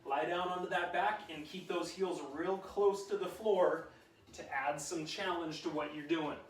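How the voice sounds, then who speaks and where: Male fitness instructor, high voice, upbeat and encouraging, calls countdowns, recorded from a distance. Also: steady tone, measured pace. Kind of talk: live workout coaching with countdown cues. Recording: roomy sound, mic at a distance.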